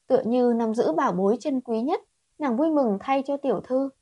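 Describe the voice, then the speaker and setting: A woman reading a romance novel aloud in steady scripted narration. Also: sits high, normal speed, slightly rough, dry recording. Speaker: audiobook reader.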